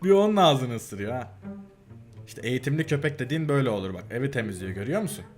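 A man's voice: medium pitch, expressive, quick pace, a little mellow, faint music behind. A young man casually reacting to animal videos for his channel, giggling often and gushing over how cute they are.

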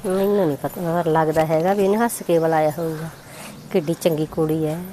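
A caring, nosy village aunt, acted by a woman in an amateur short film. She asks her questions quickly in a sympathetic, prying way, with a faint hum of ambience behind her. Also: deep voice, fairly even intonation, mellow, natural voice. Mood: musing. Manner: probing, sympathetic.

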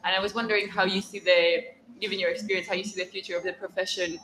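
A woman's voice: medium pitch, little pitch movement, very fast, fairly bright tone. A young woman from the audience asking a question, tentative and hedging with likes and ums. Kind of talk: question from the floor. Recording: echoey room, faint noise.

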